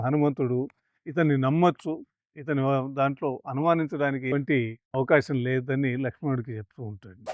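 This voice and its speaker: A man giving a calm, measured lecture that explains scripture, chanting the verses slowly. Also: medium pitch, no room sound, studio quality. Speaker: spiritual teacher.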